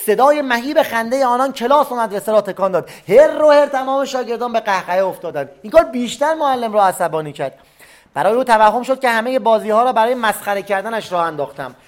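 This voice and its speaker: A man reading a memoir story aloud, pausing to explain old words in plain everyday speech. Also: extremely high pitch, expressive.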